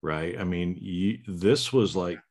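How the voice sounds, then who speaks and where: Low and darkish, the voice of this middle-aged American podcast host moves slowly. He chats loosely in an interview setting, with many restarts and repeated "right?" tags.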